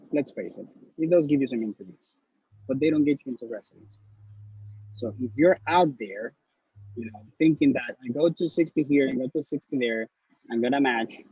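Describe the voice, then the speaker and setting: A man's voice: mid-range voice, husky, dry recording. A man, speaking earnestly and bluntly as an interview guest over a video call, often repeating words. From Honduras. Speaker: interview guest, newly matched neurology resident. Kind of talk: casual interview, giving advice. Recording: slightly dull lo-fi recording.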